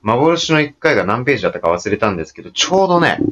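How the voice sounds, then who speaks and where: A man's voice: mid-range voice, sing-song, rapid-fire, crowd noise. A man co-hosting a casual talk podcast, chatty and laughing often, explaining things at length with plenty of fillers. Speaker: podcast co-host. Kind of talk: casual chat. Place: recording room in Tokyo.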